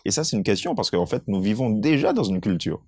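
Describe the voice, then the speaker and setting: A man thinks aloud in a Bible lesson discussion, his voice low-pitched. The sound is dry and close, and he keeps turning his points into rhetorical questions. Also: huge pitch swings, a little fast, a little mellow, husky, no echo. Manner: reflective, asks rhetorical questions. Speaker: Bible study co-host.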